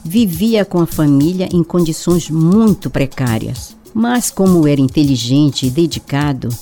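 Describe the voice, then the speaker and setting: A Brazilian woman hosting as a grandma storyteller, narrating for children in a measured fireside storytelling manner. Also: sits low, expressive, mellow. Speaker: storyteller host of a children's radio segment, presented as grandma. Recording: faint music behind.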